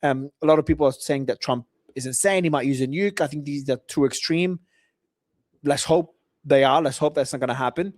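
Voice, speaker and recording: A man's voice: on the high side, brisk, darkish tone, no room sound, clean studio sound. Man hosting a news show. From Australia. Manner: reads out news updates and gives his own predictions. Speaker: host. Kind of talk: live news talk show.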